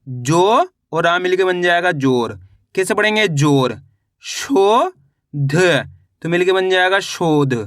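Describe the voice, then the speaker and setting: Man, reading teacher, high and bright voice, dry close sound, sounds out syllables slowly and deliberately. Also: lively intonation, no room sound. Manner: slow and deliberate, sounding out syllables then repeating each word. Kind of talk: spelled-out reading lesson.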